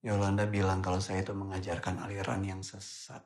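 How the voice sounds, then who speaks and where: An actor playing a stern, controlling male religious teacher at a boarding school, speaking in a cold, measured, authoritative way. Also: sits low, completely flat delivery, a little mellow. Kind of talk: film drama.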